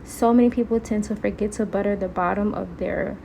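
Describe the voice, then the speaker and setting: A woman's voice: medium pitch, steady tone, fairly quick, vocal fry, mellow, a little hiss or hum. A woman hosting a cooking video, giving casual recipe narration with playful asides to the viewers. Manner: chatty, talks straight to viewers with playful asides. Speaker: recipe vlogger.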